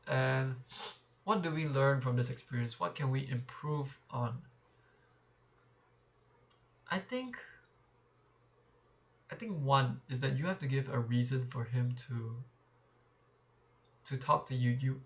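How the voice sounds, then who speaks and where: Recorded through a shirt-clipped mic, a young man vlogs casually and candidly. His voice sits in the middle range with a touch of brightness, and his reflections keep restarting and doubling back on the same words.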